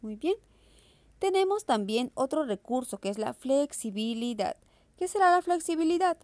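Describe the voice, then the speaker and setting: Lively, high-voiced woman teacher. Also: normal speed, no room sound. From Peru. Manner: lively questioning, answers her own questions. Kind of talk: virtual class lesson.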